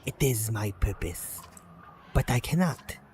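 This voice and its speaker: A man voicing an ancient monumental serpent that speaks slowly and menacingly. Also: medium pitch, animated, a little mellow, slight background noise, natural voice. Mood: ominous. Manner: slow, drawn-out, ominous delivery.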